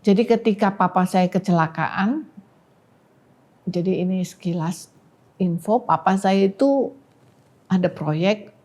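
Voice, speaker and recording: A woman giving an emotional personal testimony on a talk podcast, dropping to a hush when she quotes prayers. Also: medium pitch, slow pace, long pauses. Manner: emotional storytelling, quoting prayers softly. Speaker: podcast guest.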